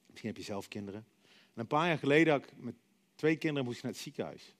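A middle-aged man preaching a sermon. He tells stories dramatically, acts out other voices, and lets many phrases sink to a soft, quiet finish. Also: medium pitch. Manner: dramatic storytelling, acting out voices and dropping to soft, quiet endings.

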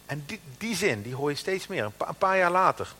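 A man in his thirties preaches with an animated, rising and falling voice. He slows right down and leans on each quoted verse. His words ring out with a long reverb, as in a big church hall. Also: a little high. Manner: lively, emphatic preaching with slow, stressed scripture quotes. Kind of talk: sermon.

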